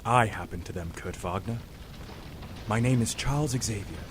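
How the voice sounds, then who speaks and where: An actor playing a calm, authoritative professor, measured and formal, in a superhero audio drama. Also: male voice, fairly low pitch, noisy background, lightly acted. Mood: calm, reassuring. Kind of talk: fan-made superhero audio drama acting.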